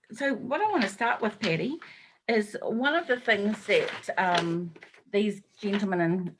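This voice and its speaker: A woman's voice: on the low side, fairly bright tone, low-quality recording. A woman hosting an interview, asking questions in a hesitant way with many "um"s. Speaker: interviewer host.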